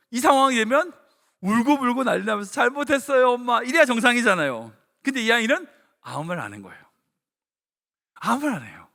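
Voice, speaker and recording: A man, a senior pastor, preaching a sermon in a church sanctuary as an animated storyteller who acts out dialogue. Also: extremely high pitch, creaky. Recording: long reverb of a church hall.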